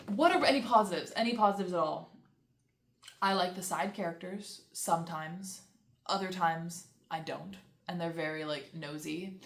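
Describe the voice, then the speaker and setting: A young woman vlogging a casual book review, ranting in an exasperated way with lots of fillers. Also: on the low side. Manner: exasperated, fast, with many fillers and sarcastic quoted asides. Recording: echoey room.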